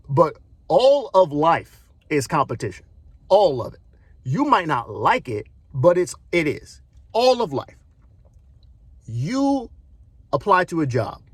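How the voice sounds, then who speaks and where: Man, thirties, husky voice, lively pitch, casual, emphatic, self-correcting. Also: dry recording. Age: 30s. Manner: casual, emphatic, repeats and restarts phrases. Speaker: video host. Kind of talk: unscripted opinion monologue.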